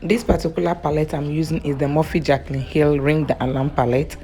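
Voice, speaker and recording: Low, gravelly-voiced woman beauty vlogger. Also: steady tone, brisk, mellow, faint music behind. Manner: chatty and affectionate, repeats "yes" often. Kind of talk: casual makeup tutorial voice-over.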